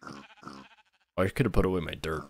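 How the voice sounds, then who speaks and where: A rumbling low American male voice moves at a measured pace as he livestreams a game. Talking casually with his viewers, he rambles, cuts himself off, and keeps restarting and correcting himself.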